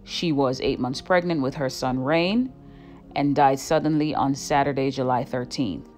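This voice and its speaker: A woman reading a serious scripted narration in a measured tone. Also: a bass voice, darkish tone, soft background music. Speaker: commentary vlogger.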